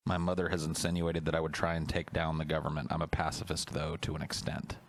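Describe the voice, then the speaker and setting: A man's voice: rumbling low, monotone, quick pace. A man delivering an escalating comedy rant, sarcastic, profane and exasperated.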